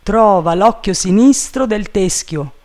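A man voicing an excitable, anxious male gentleman who shouts urgent orders up a tree. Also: high-pitched, takes it slowly, pitched above the performer's own voice. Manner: urgent, agitated calling out.

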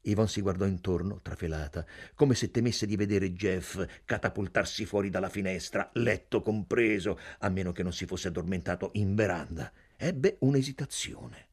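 A man narrating a literary novel as an audiobook, in a measured reading voice. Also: low voice, slightly rough.

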